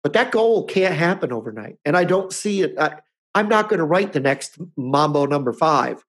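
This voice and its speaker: A podcast co-host in his fifties chats casually, rambling, chuckling and restarting his sentences often. His fairly high voice is very animated, a bit bright and slightly rough, moving at a normal speed.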